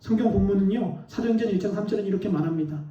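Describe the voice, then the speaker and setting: A man preaching a sermon as a pastor, telling an animated personal story and laughing as he goes. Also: high voice, racing. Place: church sanctuary. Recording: roomy, distant, dull church recording.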